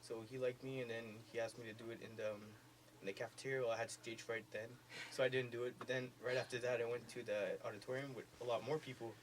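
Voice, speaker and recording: Shy soft-spoken teen boy. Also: medium pitch, level tone, fast, a little hiss or hum, rough recording. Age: teenager. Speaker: student beatboxer. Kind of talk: radio interview.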